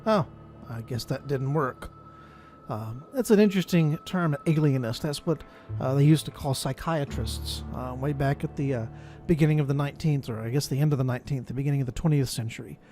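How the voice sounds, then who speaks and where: A man's voice: medium pitch, brisk, warm tone, faint music behind. A man hosting a casual game playthrough, reading dialogue options aloud and adding musing, explanatory asides. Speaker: gaming video host.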